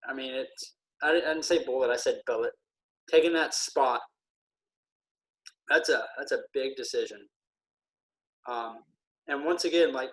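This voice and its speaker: A military veteran who is feeling ill talks earnestly in a casual podcast conversation, halting often with many pauses. His voice is mid-range and a bit bright, and the audio is poor.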